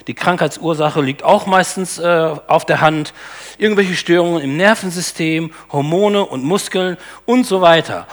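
A man preaching a sermon. He speaks emphatically, uses rhetorical questions and tags many sentences with a quick "ne?". He swings between raised, stressed phrases and quieter asides. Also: high-pitched.

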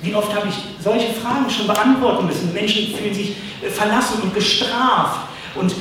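A man preaching a sermon, earnest and emphatic, slowly repeating his key phrases for the congregation. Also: sits high, bright, forceful tone, slight background noise. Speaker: pastor. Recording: echoey distant hall recording.

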